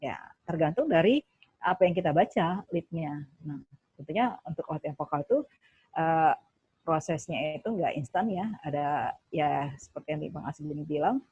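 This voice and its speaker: A woman's voice: sits low, lively intonation, moderate pace, darkish tone, husky, dry recording, lo-fi sound. Woman with a broadcaster's delivery. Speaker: TV news presenter and trainer. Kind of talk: workshop talk.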